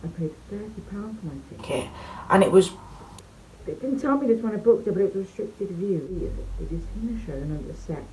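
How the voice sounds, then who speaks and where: A woman's voice: mid-range voice, animated, brisk, warm tone, a little hiss or hum, poor audio. A young woman chatting to camera as a theatre vlogger, enthusiastic and full of fillers and restarts. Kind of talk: casual vlog chat to camera.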